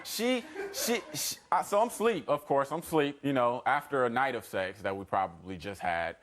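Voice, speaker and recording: A man's voice: medium pitch, expressive, moderate pace, a bit bright. A man testifying as a litigant in a TV court, protesting in a rambling, repetitive way and acting out quotes. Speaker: husband, litigant in TV divorce court. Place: TV courtroom studio. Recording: TV courtroom with faint noise.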